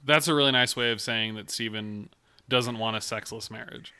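A man's voice: mid-range voice, normal speed, sharp tone, clear, resonant tone. A young man in his twenties, co-hosting a podcast in crude casual chat, swearing a lot and telling stories with animation. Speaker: podcast co-host.

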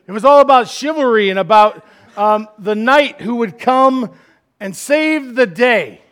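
A middle-aged man preaching a sermon as pastor, swinging from loud, emphatic lines to quiet asides. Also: extremely high pitch, lively intonation, unhurried, clear, resonant tone.

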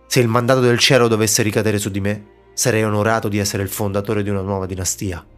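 A man's voice: lowish voice, flat delivery, fast talker, fairly bright tone, faint music behind, lightly acted. A man reading an ambitious tyrant warlord. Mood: pompous. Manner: feigned humility, grand.

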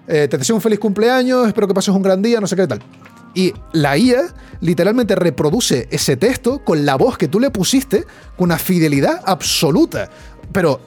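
A man's voice: on the high side, breathy edge. Chatty young man from Spain. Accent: Spain Spanish. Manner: chatty, slangy, animated. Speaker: podcast host. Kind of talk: casual news chat.

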